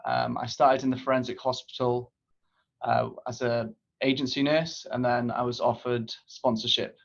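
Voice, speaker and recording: A man's voice: mid-range voice, level tone, normal speed, gravelly, dull audio. A man, a nurse answering as an interview guest, matter-of-fact and often starting with um. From Wales. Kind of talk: casual interview.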